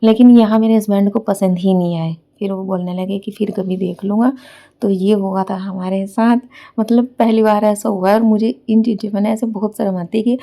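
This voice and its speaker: Chatty mellow-voiced woman vlogger. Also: medium pitch, fairly even intonation, moderate pace, creaky. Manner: chatty, rambling storytelling with many fillers. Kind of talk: casual home vlog narration.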